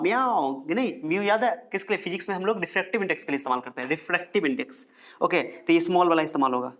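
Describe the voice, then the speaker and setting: A man's voice: fairly high pitch, fairly bright tone. A male teacher from India giving a chatty classroom lecture, repeating terms and joking as he writes on the board.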